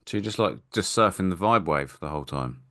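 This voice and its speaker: Guy cohosting a podcast, low voice, swings up and down a lot, jokey and flustered, dry close mic. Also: animated, fairly quick, fairly bright tone, dry recording. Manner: jokey, fumbling, easily flustered. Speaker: podcast co-host. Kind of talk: casual podcast chat.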